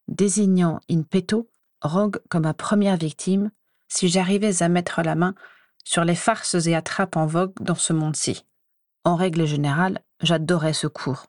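A woman reading a first-person story aloud in an even, measured way. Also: deep voice, no room sound, clean studio sound. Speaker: audiobook reader.

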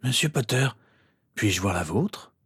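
Dude doing a polite old headmaster, slow and soothing, super measured. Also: male voice, on the low side, expressive, fairly bright tone, breathy edge, full character voice. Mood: calm. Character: calm, courteous old male headmaster.

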